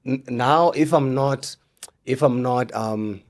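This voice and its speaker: A man's voice: medium pitch, slow pace. An upbeat Kenyan man talking casually as a guest, with a mid-range voice, switching languages and peppering his speech with fillers and restarts. His delivery is loose and conversational. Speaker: comedian and radio presenter, guest. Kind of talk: casual interview chat.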